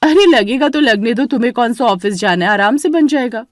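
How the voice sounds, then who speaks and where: A woman voicing a bossy, scheming elder daughter-in-law in a dramatized story, talking loud and complaining. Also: on the high side, expressive, a little fast, no room sound, studio quality, lightly acted. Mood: shrill, indignant.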